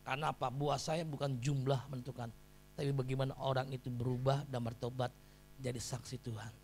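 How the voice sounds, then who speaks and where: A middle-aged male pastor preaching a sermon, dropping to quiet confiding tones and rising to loud shouted exhortation. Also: mid-range voice, flat delivery, a little fast, a little hiss or hum.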